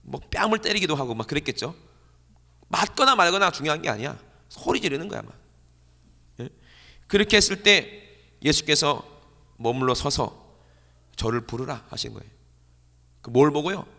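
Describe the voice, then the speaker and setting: A male pastor preaching a sermon, animated, asking the congregation questions and answering them himself. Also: fairly high pitch, normal speed, vocal fry, pauses often. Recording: church hall reverb.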